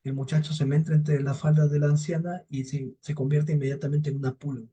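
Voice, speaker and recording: A man lecturing on psychology retells a fairy tale in a husky, fairly high voice. He tells it in a lively way and keeps checking in with his listeners. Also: a little fast, poor audio. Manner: lively storytelling, frequent tag questions. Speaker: teacher of analytical psychology. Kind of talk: storytelling lecture.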